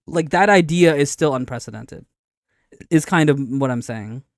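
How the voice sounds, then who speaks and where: A man streaming casual live commentary, arguing his points in an insistent, halting way with frequent repetition. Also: on the high side, no echo, clean studio sound. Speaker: streamer reacting to a video and answering chat. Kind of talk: casual live commentary, debating game updates.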